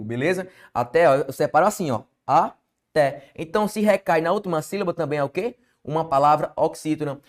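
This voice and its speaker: Brazilian male teacher, somewhat high-pitched, emphatic quiz-style exam-prep delivery. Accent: Brazilian Portuguese. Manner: emphatic, quizzing the viewer with rhetorical questions. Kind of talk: exam-prep grammar lesson.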